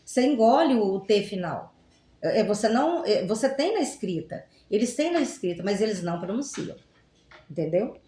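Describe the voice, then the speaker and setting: A Portuguese teacher from Goiás, Brazil, chats casually as a guest about words and where they come from, asking rhetorical questions and tossing in playful examples. Her mellow, mid-range voice is very animated at a normal speed, with a roomy echo from the room.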